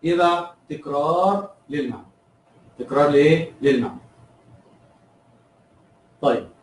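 A man's voice: fairly high pitch, measured pace, echoey room, recorded from a distance, a little hiss or hum, low-quality recording. A man with an Egyptian Arabic accent teaching a review lesson, asking his students questions and answering them himself, repeating key terms.

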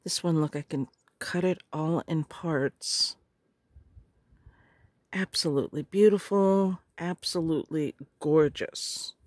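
Slow, gushing hoarse-voiced woman. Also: deep voice, a little mellow, no room sound. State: hoarse, clearing her throat. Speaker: craft vlogger. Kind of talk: casual unboxing chat.

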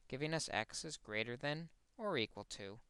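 Dry gravelly male math teacher. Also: medium pitch, expressive, normal speed, a bit bright, no echo. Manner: explains step by step, corrects his own slip. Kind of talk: recorded math lesson.

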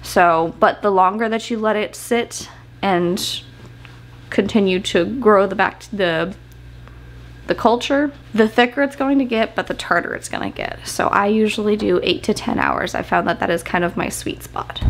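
A woman's voice: mid-range voice, measured pace, slight background noise, low-quality recording. A woman in her thirties talking to the camera as she cooks in her home kitchen, explaining each step in a casual, chatty way. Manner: chatty, explains steps while working, talks to camera. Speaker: homesteading cooking vlogger. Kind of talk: casual step-by-step cooking tutorial.

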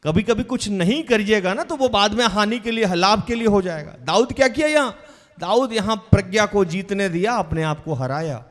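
A man's voice: sits high, animated, moderate pace. A man preaching a sermon, telling a story with animation and asking his listeners questions. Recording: long hall reverb.

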